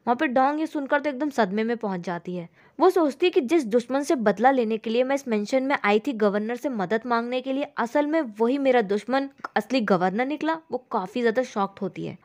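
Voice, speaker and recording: A woman narrating a drama plot as a storyteller, retelling scene after scene in a steady flow. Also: fairly high pitch. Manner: steady retelling, leans on the filler "जो है".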